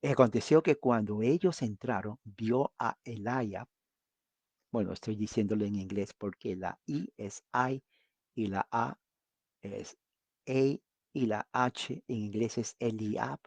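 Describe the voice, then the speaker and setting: A man's voice: on the low side, measured pace, vocal fry, a little mellow, no echo. A man preaching a conversational Bible study, often asking his listeners questions. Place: United States.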